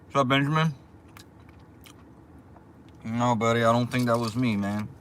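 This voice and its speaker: A man hosting a casual livestream from inside a car, rambling through unhurried small talk with viewers. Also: medium pitch, fairly even intonation, fairly bright tone. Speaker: livestream host, small YouTube channel. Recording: clear background noise, car ambience.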